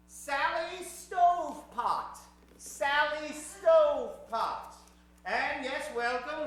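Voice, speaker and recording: The recording comes from an echoey theater stage, where a man with a very high, sharp voice runs a live improvised radio show. He hams it up in a mock-formal, old-time radio manner and jokes around with the crowd.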